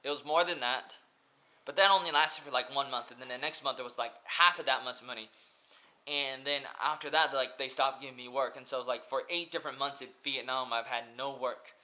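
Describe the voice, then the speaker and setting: A man's voice: medium pitch, fairly even intonation, brisk, pushed and bright. A young American man in his twenties from Oregon, talking casually and earnestly to his webcam in a small room, rambling with lots of "like" and repeating himself. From Oregon, USA. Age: 20s. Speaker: vlogger and English teacher. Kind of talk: casual to-camera monologue. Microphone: laptop webcam close up.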